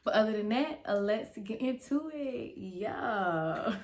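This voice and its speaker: A woman's voice: fairly high pitch, lively intonation, takes it slowly, crowd noise. A young adult woman hosting a casual, chatty vlog, rambling and emphatic, her speech slightly impeded by a dental retainer. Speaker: YouTube host and esthetician student.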